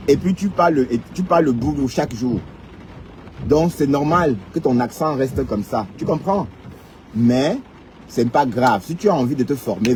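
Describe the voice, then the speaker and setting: A man's voice: mid-range voice, a little mellow, a little hiss or hum. A man hosting a casual live stream, teasing and mocking viewers in a sing-song way and often tossing in a questioning "hein?". He seems to be recording while travelling in a vehicle. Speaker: live streamer commenting on online personalities.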